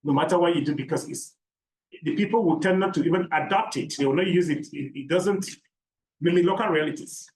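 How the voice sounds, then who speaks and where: A Cameroonian man, an academic presenter, delivers a seminar lecture in a voice on the high side, speaking a little quickly. He repeats key points and asks rhetorical questions to explain. Recorded at a distance in a roomy lecture room, faint background noise is audible.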